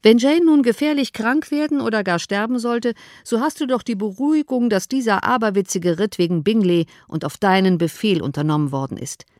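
A woman reading an audiobook, lowering her voice for a dry, sardonic older father. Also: a little mellow, no room sound, lightly acted. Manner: low, sardonic, unhurried.

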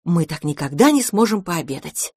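A woman voicing a calm, reasonable father mouse who is slowly losing patience. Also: fairly low pitch, breathy edge, no echo, clean studio sound, full character voice. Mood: patient. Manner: steady, reasoning.

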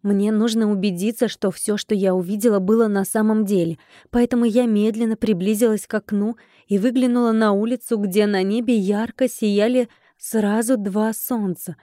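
Mellow woman narrating an audiobook. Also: mid-range voice, steady tone, moderate pace, dry recording, clean studio sound. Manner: wry, conversational inner monologue. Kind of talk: first-person audiobook narration.

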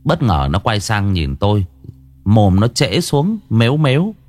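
A man narrating a first-person ghost story in an expressive storytelling manner. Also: fairly low pitch, a little slow, dry recording, faint music behind.

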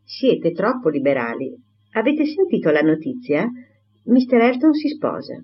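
A woman's voice: medium pitch, big pitch swings, normal speed, dull audio, close to an everyday voice. A woman voicing a talkative older spinster who rambles breathlessly from one thing to the next. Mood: excited.

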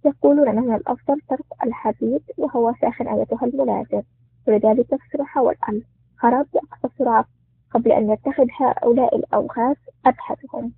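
A man's voice: very high voice, steady tone, fast, gravelly, husky, no echo, full character voice. A man voicing a bold, sarcastic male intelligence officer in a spoken story, with a curt, mocking manner. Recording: tinny phone-like sound.

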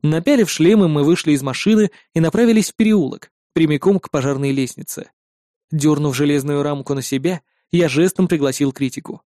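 A man's voice: a little high, fairly quick, mellow, dry recording, studio quality. A man narrating a first-person story as an audiobook, in a wry, sardonic way.

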